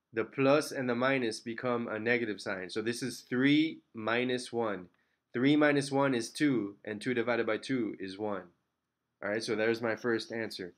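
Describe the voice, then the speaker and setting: Man talking through math steps. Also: mid-range voice. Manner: steady step-by-step explaining, frequent "okay?" and "all right?" checks; light self-deprecating asides. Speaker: math teacher. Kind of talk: recorded math lesson.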